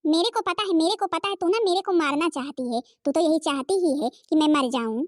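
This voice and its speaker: A woman's voice: high-pitched, fairly even intonation, brisk, lightly acted. Woman doing a scheming, sneering mother-in-law type. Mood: accusing. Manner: scolding, sneering, scheming asides. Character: scheming older woman, meddling mother of the bride. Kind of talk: Hindi cartoon voice acting.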